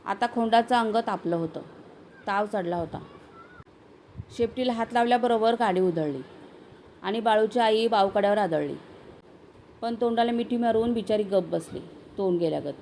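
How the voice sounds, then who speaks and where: A woman's voice: mid-range voice, normal speed, pauses often, warm tone, a little hiss or hum. Woman reading a village story aloud.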